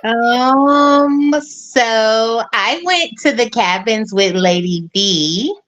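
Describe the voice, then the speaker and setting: A woman talking casually as a guest on an online show, heard through a video call whose screen has frozen, speaking in a relaxed, unhurried way. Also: a little high. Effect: lo-fi video call audio with a frozen screen. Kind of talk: casual chat.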